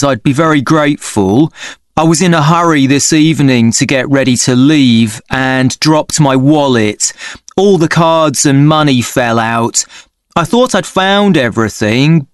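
Actor as polite salesman leaving a message, lively intonation. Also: fairly high pitch, clean tone, no room sound, clean studio sound. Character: apologetic office salesman leaving phone message. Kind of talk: scripted voicemail acting.

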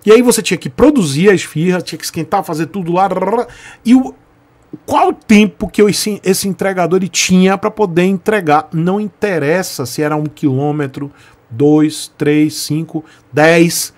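A Brazilian man in his forties tells a story to his camera with a somewhat high voice. He leans hard on his points, repeats himself for emphasis and talks straight to his viewers, as a channel host would. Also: moderate pace, darkish tone. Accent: Brazilian Portuguese. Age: 40s.

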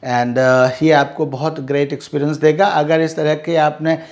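A man with an Indian English accent teaching a spoken English lesson, mixing Hindi explanation with slow repeated drilling of phrases. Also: on the high side, level tone, a little mellow.

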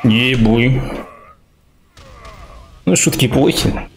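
A man's voice: medium pitch, extremely slow, gravelly, slight background noise. A young man giving casual gameplay commentary in short, slangy, muttered reactions. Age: young adult. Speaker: gamer commentating own play. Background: faint game music.

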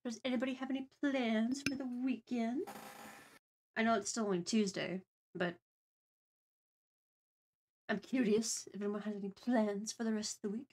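A woman's voice: a little high, fairly even intonation, moderate pace, pauses often, darkish tone. A woman co-hosting a live stream, chatting casually and reading viewer messages aloud. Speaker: streamer co-host.

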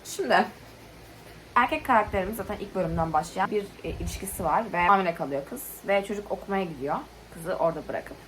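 Fast-talking young woman ranting about books. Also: slight background noise. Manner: animated, exasperated ranting with rising pitch; self-interrupting asides and quick restarts. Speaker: book vlogger. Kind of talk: casual monthly reading wrap-up.

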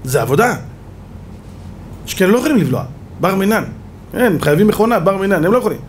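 A man, a rabbi, teaching a lively Torah lesson to an audience in a room, swinging between loud exclamations and low asides. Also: a little hiss or hum.

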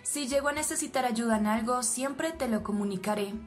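A woman's voice: a little high, fairly quick, faint music behind, natural voice. A woman reading the lines of a defensive, worried young man in a plain voice. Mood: guarded.

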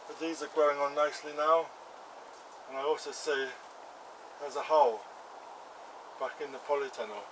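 A man's voice: on the high side, fairly even intonation, moderate pace, pauses often, background noise. A man in his fifties giving a casual walk-around of his allotment and polytunnel, chatting plainly as he crouches by the beds. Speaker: allotment gardening channel host. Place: outdoor allotment garden and polytunnel. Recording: faint outdoor ambience with insects.

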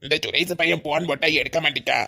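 A scheming older suitor in a cartoon coaxes and wheedles, as a man voices him. He has a Kanyakumari Tamil accent. His voice is gravelly and bright, set a little high. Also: steady tone, fast talker, heavily acted. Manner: coaxing, wheedling. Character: scheming older brother type, persuasive suitor. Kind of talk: cartoon voice acting.

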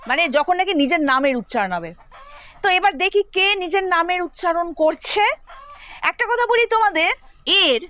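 A woman with a Bengali accent and a very high voice teaches children English spelling. She goes step by step and patiently repeats each word aloud to sound it out. It comes across as a classroom-style lesson. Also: a bit bright. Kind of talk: explaining spelling rules to children.

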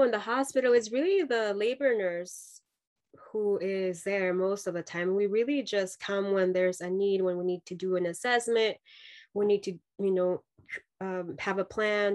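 A Mexican woman in her thirties, a nurse-midwife, joins a video call as a guest from a home room with a dark sofa, using her laptop. Her mid-range voice is steady, unhurried and darkish, and she speaks earnestly and reflectively with many fillers and restarts.

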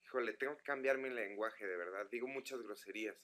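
Northern mexican guy on a live webcam stream, kinda low voice but bright and punchy, rambling and stumbling, reading fan messages. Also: fast talker. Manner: chatty, stumbling over words, reading fan messages aloud. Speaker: host of a live webcam chat with fans. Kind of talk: casual live-stream chat. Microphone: computer microphone.

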